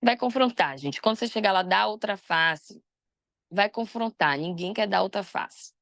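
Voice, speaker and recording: A woman's voice: medium pitch, moderate pace, no echo, clean studio sound. A Brazilian woman preaching a live sermon, telling personal stories and quoting the dialogue in her own voice. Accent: Brazilian Portuguese. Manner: animated, personal storytelling with quoted dialogue.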